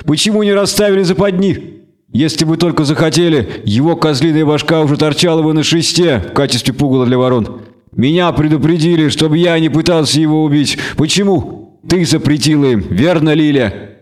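A stern monster hunter speaks in a cold, measured tone, as a male narrator reads him. His words are deliberate and unhurried, with little warmth. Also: a little high, voice pushed up, close to an everyday voice.

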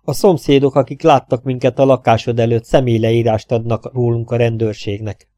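A man's voice: medium pitch, little pitch movement, mellow, no echo, clean studio sound, close to an everyday voice. A man reading a wary male fugitive. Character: cautious, calculating male fugitive.

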